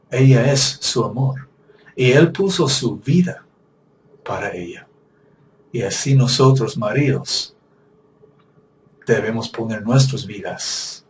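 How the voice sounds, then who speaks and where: A man's voice: medium pitch, far from the mic, slight background noise. A male preacher giving a sermon, emphatic and repetitive, with rhetorical questions.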